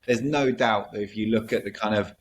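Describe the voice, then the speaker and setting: A man's voice: fairly low pitch, brisk, husky. A man hosting a podcast, asking long, enthusiastic questions full of restarts and repeated words. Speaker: podcast host. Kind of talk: podcast interview.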